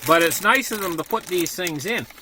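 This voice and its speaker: A man's voice: high-pitched, normal speed, bright, forceful tone, slight background noise, poor audio. A man giving a casual, unscripted product walkthrough from inside a small camper trailer, talking in a folksy way and often restating his points. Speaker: vlogger presenting a product unboxing.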